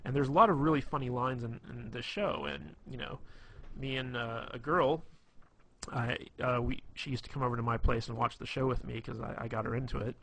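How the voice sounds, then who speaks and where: A man's voice: medium pitch, expressive, a little fast, creaky, fairly bright tone, no room sound. A man explaining how to be funny with girls in a loose, rambling tutorial, full of fillers and restarts. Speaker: dating advice instructor. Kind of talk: casual tutorial talk.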